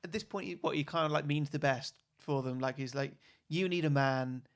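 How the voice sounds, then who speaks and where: A man co-hosting a film podcast, his voice sitting a little high. He thinks out loud, often restarting his sentences as he weighs his point. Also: brisk. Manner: thoughtful, hesitant, with many restarts. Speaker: podcast co-host. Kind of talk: casual film discussion.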